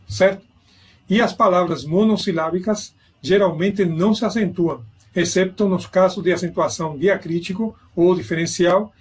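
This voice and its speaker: A man's voice: high voice, slightly rough. A man giving an online grammar lesson, explaining step by step and checking in with his students. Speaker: Spanish teacher.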